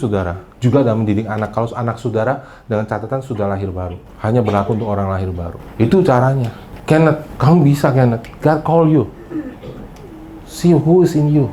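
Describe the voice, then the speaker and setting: Male pastor, mellow tone, faint background hiss; chatty, teasing sermon that slips into English phrases. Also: medium pitch. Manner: chatty, teasing, drops English phrases in, keeps addressing the congregation. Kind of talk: casual conversational sermon.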